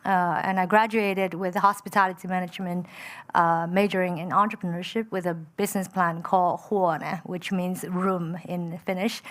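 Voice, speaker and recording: This Malaysian woman, whose first language is Chinese, speaks in a mid-range voice while telling her founder story on a panel. An entrepreneur and panel speaker, she comes across as lively and determined, with frequent fillers.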